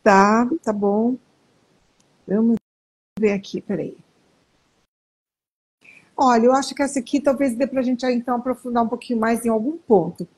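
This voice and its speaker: A woman hosting a podcast, putting a question to her guest in a calm, conversational way. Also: on the high side, normal speed, pauses often, slightly rough, poor audio.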